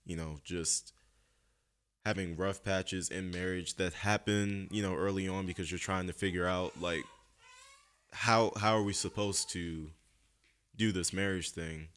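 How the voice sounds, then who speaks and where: A man's voice: low voice, steady tone, a bit bright. A young man hosting a casual podcast chat, talking earnestly and reflectively with lots of fillers. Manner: earnest, reflective, speaks slowly with many fillers. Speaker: podcast host.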